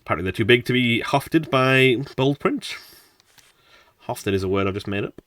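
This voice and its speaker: A man's voice: mid-range voice, moderate pace, fairly bright tone, dry recording, distant mic. A man chatting casually while streaming a game, rambling and laughing often. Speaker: gaming streamer. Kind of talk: casual gameplay commentary.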